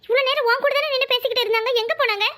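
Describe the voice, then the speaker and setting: A woman voicing a timid, high-voiced young bride. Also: fairly even intonation, very fast. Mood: worried. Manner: soft, pleading. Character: meek young new bride, timid and pleading. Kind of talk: cartoon voice acting.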